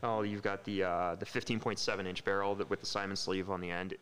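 A man's voice: sits low, level tone, quick pace, fairly bright tone. A man chatting casually and enthusiastically, laid-back and easygoing. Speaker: guest airsoft player. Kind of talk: casual chat.

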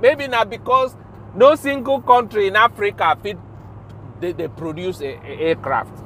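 High-voiced Nigerian man ranting informally. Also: fairly bright tone, a little hiss or hum. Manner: halting, repetitive, emphatic. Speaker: show host. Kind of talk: informal spoken rant in Pidgin.

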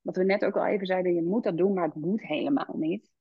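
A woman in her thirties talks openly as an interview guest, thinking aloud with plenty of hesitations. Her voice has a gravelly, creaky edge. The sound is dull and dry, with no room around it. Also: on the low side, fast talker, no room sound. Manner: reflective, many fillers, animated when quoting her child. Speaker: podcast guest, founder and midwife. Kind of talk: candid conversational interview.

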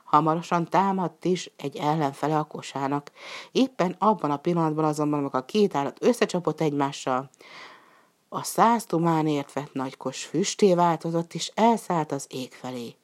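A woman narrating a folk tale in a calm storybook reading manner, lifting her voice for the characters' lines. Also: low voice.

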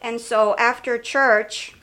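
A woman's voice: on the high side, steady tone, takes it slowly, fairly bright tone. A young woman from Romania, a podcast guest sharing her life story in a casual, conversational way, with many fillers and self-corrections. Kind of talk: casual personal testimony.

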